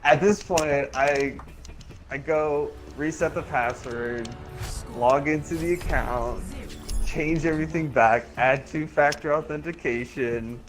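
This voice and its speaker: While gaming, a male streamer tells a personal story in a slightly high voice at a slow pace, animated and casual. His language is slangy and profane, and he quotes people in dialogue, with music and game audio playing behind him.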